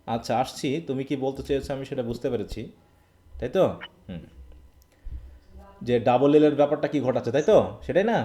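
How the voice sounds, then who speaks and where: A man's voice: mid-range voice, brisk, long pauses, dark tone. A man from Bangladesh teaching a live online English class, often checking that students follow. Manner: asks questions and checks understanding.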